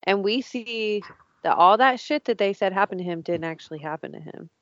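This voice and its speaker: A woman's voice: medium pitch, expressive, fairly quick, fairly bright tone, no room sound. A woman chatting casually about a TV show, laughing often and swearing, with lots of fillers. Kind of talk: casual chat. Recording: dull, lo-fi dry sound.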